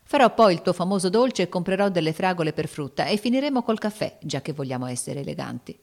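A woman voicing a spirited, impulsive teenage girl in an audiobook, eager and brisk. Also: on the low side, expressive, a little mellow. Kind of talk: audiobook character reading.

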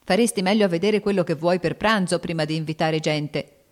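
A woman voicing a sensible, cautious teenage older sister in an audiobook, measured and gently reproving. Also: fairly low pitch, natural voice. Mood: cautioning. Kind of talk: audiobook character reading.

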